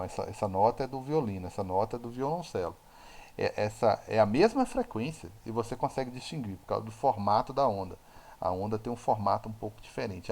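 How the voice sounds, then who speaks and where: A physics lecturer with a Brazilian Portuguese accent teaches a recorded lab lesson chattily, correcting himself and checking in with listeners as he explains. His mid-range voice is a little mellow.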